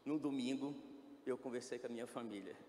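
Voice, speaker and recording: A man's voice: mid-range voice, brisk, dark tone, slight background noise. A man giving an emotional personal testimony. He acts out the quoted dialogue and rises to pleading. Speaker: testimony speaker. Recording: echoey hall with faint ambience.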